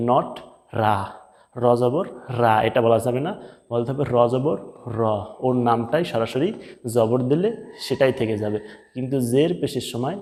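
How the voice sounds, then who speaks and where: A man teaching Quran letter pronunciation, repeating each syllable slowly and explaining where the tongue and breath go. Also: mid-range voice, darkish tone, big-room sound. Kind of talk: step-by-step pronunciation lesson.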